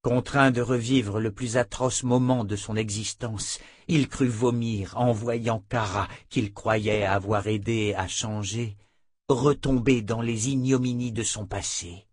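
A man narrating an audiobook in a steady, measured dramatic reading. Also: lowish voice, no room sound, clean studio sound. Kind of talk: scripted narration.

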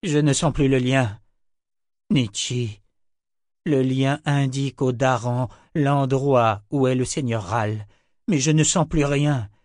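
A man voicing a blunt, tough warrior woman with a gruff, threatening manner. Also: mid-range voice, slow pace, darkish tone, dry recording, studio quality, voice pushed up, close to an everyday voice. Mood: anguished.

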